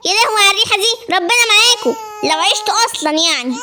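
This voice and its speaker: A woman's voice: very high voice, lively intonation, rapid-fire, background noise. A woman voicing a proud, squeamish young boy who makes pompous, grand declarations about himself, in a storytelling role-play. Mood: dismissive.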